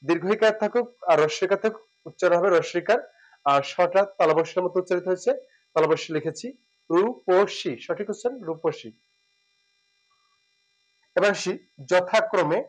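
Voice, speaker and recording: A man teaching a pronunciation lesson, repeating words and single sounds slowly and pausing on fillers. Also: high voice, rough recording. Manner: slow, drawn-out repetition of words and sounds, with hesitant fillers.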